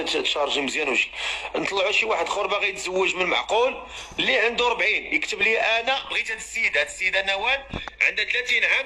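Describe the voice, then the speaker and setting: A man's voice: high voice, bright, forceful tone, low-quality recording. A man with a Moroccan Arabic accent hosting a live matchmaking stream, chatting and calling out to viewers and callers.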